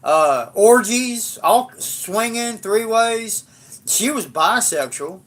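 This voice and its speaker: A man's voice: high voice, lively intonation, slow pace, fairly bright tone. An older man, telling a rambling, blunt and profane story in a casual livestream. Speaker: livestream host.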